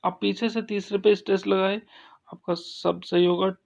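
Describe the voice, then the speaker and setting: A man teaching an English grammar lesson, explaining slowly with frequent pauses and restarts. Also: sits high, little pitch movement, vocal fry, darkish tone. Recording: dull lo-fi sound.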